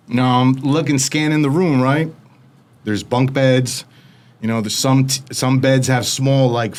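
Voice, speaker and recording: This is a younger US man at medium pitch, guesting on an interview and sharing his story. He chats rapidly and animatedly, dropping in quoted voices along the way.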